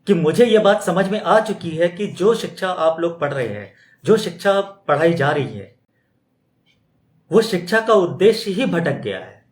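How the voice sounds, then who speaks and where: A man with a fairly high voice gives a loose, conversational spiritual talk. He keeps posing rhetorical questions and slips into mimicking other people's objections. The recording sounds roomy and echoey. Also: very animated, unhurried. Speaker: spiritual teacher. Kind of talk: extempore spoken talk. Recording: roomy echo.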